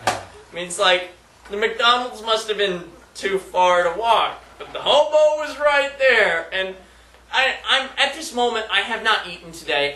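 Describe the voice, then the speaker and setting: A man's voice: high-pitched, pushed and bright. A man hosting a comedy talk show, reading news stories aloud and cracking jokes. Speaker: show host. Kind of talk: casual comedic banter. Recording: echoey room.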